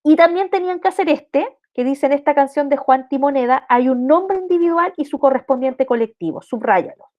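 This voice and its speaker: A woman's voice: high voice, animated, fairly quick, few pauses, dull audio. A woman with a Chilean accent teaching an online language class, explaining step by step and often checking in with the students. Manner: explanatory, checks in with rhetorical questions.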